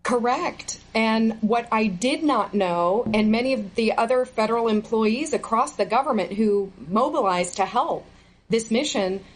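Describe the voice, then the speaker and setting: A middle-aged woman who used to be a federal employee answers interview questions earnestly, stressing key words with indignation. Her voice is fairly high, and the recording is rough.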